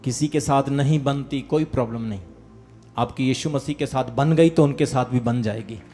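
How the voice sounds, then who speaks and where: A male pastor preaching at a live church meeting, calling on the crowd to shout hallelujah and amen and telling little stories about his listeners' lives. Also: mid-range voice, moderate pace, soft background music. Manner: tells quoted exchanges and a village anecdote. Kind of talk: sermon.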